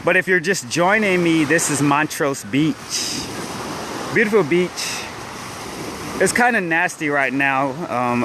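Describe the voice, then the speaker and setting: This vlogger from central Illinois has a downstate accent and a medium-pitched voice. Holding his phone as he walks by the waves on a beach at dawn, he rambles through a casual livestream with many restarts and "like" fillers, while loud surf fills the background of the video.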